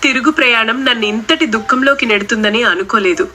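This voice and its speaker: Woman as a betrayed young wife: high, pleading, bright. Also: brisk, faint music behind. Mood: hurt. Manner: pleading, anguished. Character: young wife, loyal, hopeful then betrayed.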